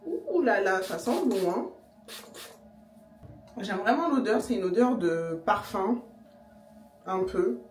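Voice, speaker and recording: A young woman chatting casually to camera in her vlog, slangy and relaxed, sometimes talking with her mouth full. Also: medium pitch, slow, pauses often, faint music behind. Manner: chatty, slangy, talks while eating. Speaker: vlogger. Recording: echoey room, voice a bit distant.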